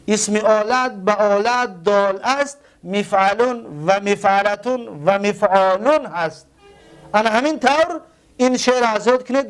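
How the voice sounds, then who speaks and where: A man with a Tajik accent gives a grammar lesson, speaking slowly, repeating words and spelling them out letter by letter. His voice is high-pitched with a clean tone.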